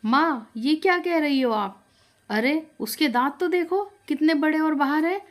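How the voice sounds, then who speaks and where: A woman's voice: high voice, unhurried, pitched above the performer's own voice. A woman voicing a handsome young man protesting to his mother in a storybook tale. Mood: scornful. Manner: incredulous, protesting.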